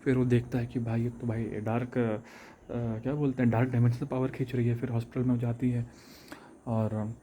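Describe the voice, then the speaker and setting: A young man telling a reflective personal story, halting and restarting often, switching between Hindi and English. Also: mid-range voice, flat delivery, mellow, slight background noise.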